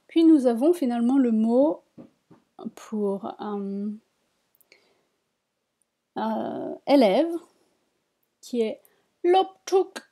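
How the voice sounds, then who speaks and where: A woman teaching a reading lesson, spelling out syllables one by one and repeating each word slowly. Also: on the high side, mellow. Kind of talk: slow spoken language lesson.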